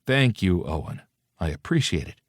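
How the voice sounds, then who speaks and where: Brief: man voicing a teasing tough-guy operative, very low, dry. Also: very animated, moderate pace, no echo. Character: gruff cocky male operative, teasing. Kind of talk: audiobook character voice.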